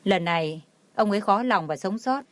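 A woman tells a dramatic story in an even storytelling voice. Her voice sits at a middle pitch. It is recorded close and dry, with no room sound. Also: normal speed, no room sound. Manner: reads all the figures herself, barely changing her voice. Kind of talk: scripted narration.

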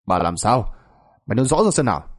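A man's voice: medium pitch, big pitch swings, fast talker. A man voicing an arrogant, coarse village chief who barks insults at his servant in a spoken folk tale. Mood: angry.

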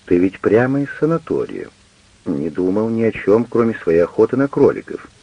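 A man with a gravelly, husky voice voicing an indignant, hurt middle-aged wife who argues with her husband in an audiobook. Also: lowish voice, very animated, moderate pace, no room sound, highs cut off, heavily acted. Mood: doubtful. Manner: reproachful, heated, pleading.

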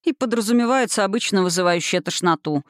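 A reader voicing a sharp-tongued, ironic young woman in an audiobook, speaking in a dry, lecturing way. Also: medium pitch, expressive, quick pace, no room sound, lightly acted. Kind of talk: audiobook reading.

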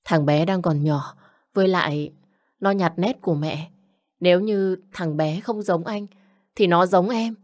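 A woman's voice: fairly low pitch, measured pace, darkish tone, close to an everyday voice. Woman voicing a frightened, pleading young wife. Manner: pleading, apologetic.

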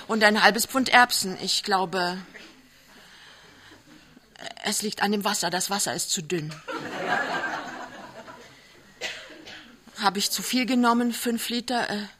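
A woman's voice: medium pitch, a crowd in the background, pitched above the performer's own voice, close to an everyday voice. A woman reading aloud who voices a cheerful, fretting young newlywed wife, speaking in an eager, fussing way. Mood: fretful. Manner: eager, fussing, quick to indignation. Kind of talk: literary reading on radio.

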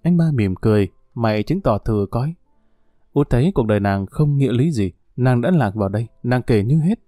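Dark-voiced male story narrator. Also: medium pitch, animated, fairly quick, dry recording, clean studio sound, soft background music. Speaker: audiobook narrator.

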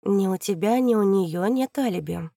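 A woman's voice: mid-range voice, normal speed, vocal fry, no room sound, clean studio sound. A woman voicing a cool, pressing female investigator. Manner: calm, pressing, methodical. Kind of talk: audiobook reading.

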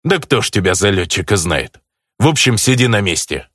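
A man's voice: fairly low pitch, big pitch swings, normal speed, husky, no echo, studio quality. Man doing a curt, grumbling goblin inspector. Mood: gruff. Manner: terse and grumbling. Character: gruff, curt male goblin police inspector. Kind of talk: audiobook character voice.

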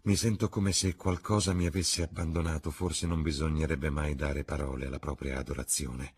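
A man voicing a rueful, husky-voiced painter. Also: very deep voice, fairly even intonation, normal speed. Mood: earnest. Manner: earnest, rueful tone. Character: earnest, melancholy grown male painter.

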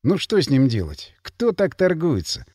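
Male audiobook narrator, first person, wry, matter-of-fact, lively intonation, dry recording. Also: on the high side, normal speed, slightly rough, dry recording.

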